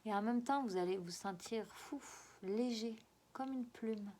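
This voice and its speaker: A woman with a regional French accent giving a spiritual guidance reading. She coaxes her listeners and repeats herself, often pausing to search for words. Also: on the high side, mellow, slight background noise. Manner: coaxing and repetitive, often halting to search for words.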